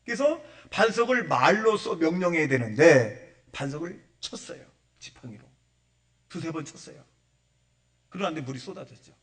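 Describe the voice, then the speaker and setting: A male pastor delivers a Sunday sermon in a church, his voice set a little high. He acts out the people he quotes and swings from loud bursts to near-whispered asides. He sounds distant from the microphone. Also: moderate pace. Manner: animated preaching, acting out quoted voices, swings from loud to hushed. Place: church sanctuary.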